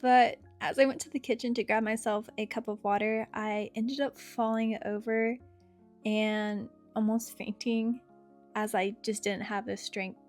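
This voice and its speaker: A woman's voice: medium pitch, darkish tone. A young adult woman telling a personal story in a casual, chatty, conversational way. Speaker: storyteller narrating own experience. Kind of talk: casual story time narration. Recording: guitar music behind the voice. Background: guitar music.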